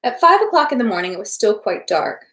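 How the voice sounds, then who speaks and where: Speaking fast in a medium-pitched, slightly bright voice with big swings in pitch, a woman runs a read-aloud livestream from an echoey room indoors. She starts with loose, rambling chat, cutting herself off now and then, and moves on to reading like an audiobook.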